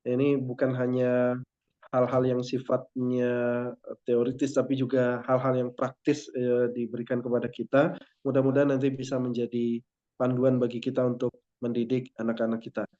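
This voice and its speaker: Male moderator, even mellow voice, hesitant fillers, dull lo-fi recording. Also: mid-range voice. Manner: hesitant, many pauses and fillers. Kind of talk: moderating a question session.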